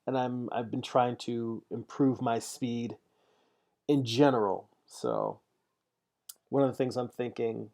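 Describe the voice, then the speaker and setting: Gravelly-voiced man in his forties. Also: mid-range voice, animated, slow pace, a little mellow. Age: 40s. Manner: thinks aloud, chatty, answers viewer comments. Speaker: digital painter streaming his work. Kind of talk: casual livestream talk while painting.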